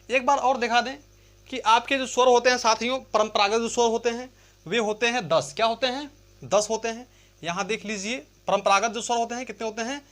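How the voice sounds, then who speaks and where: This is a Hindi grammar teacher working through a chart for exam students. The voice sits at a middle pitch and keeps circling back, posing a question and answering it right away. It calls the listeners friends and draws out vowels slowly to show how they sound. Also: a bit bright. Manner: repetitive, asks and answers own questions, addresses listeners as friends; stretches out vowel sounds to demonstrate them. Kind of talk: exam-prep lesson explaining a chart.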